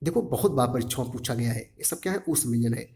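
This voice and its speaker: A man's voice: medium pitch, expressive, fast, a little mellow. A male teacher giving an exam-prep grammar lesson, sounding out syllables one by one and repeatedly asking the class a question before answering it himself. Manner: drills syllables aloud, asks and answers his own questions; repeats a quiz-style question to the class again and again.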